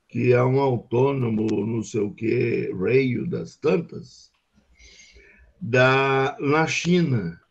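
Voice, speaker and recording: A man's voice: medium pitch, a little mellow, husky, highs cut off. An older man with a Brazilian Portuguese accent, a professor adding remarks on a video call, talking in a rambling way with many restarts. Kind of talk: casual online lecture discussion. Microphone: webcam on video call.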